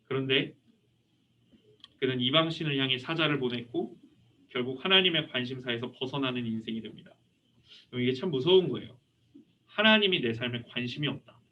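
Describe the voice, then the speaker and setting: A man in his thirties, a youth pastor preaching a lively sermon, telling anecdotes and asking the congregation questions. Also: medium pitch, brisk, long pauses. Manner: animated storytelling, voicing a child and asking the audience questions. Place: church hall. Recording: muffled, from a distance.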